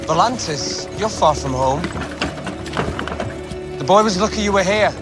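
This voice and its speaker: An actor playing a young, earnest male war leader in a TV drama clip, speaking softly over a score. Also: sits high, lively intonation, measured pace. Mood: curious. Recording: TV clip under loud music.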